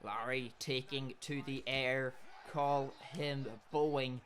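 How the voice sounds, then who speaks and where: A man giving play-by-play commentary on a video game fight, shouting at big hits and losing his voice from all the shouting. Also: medium pitch, level tone, slow pace.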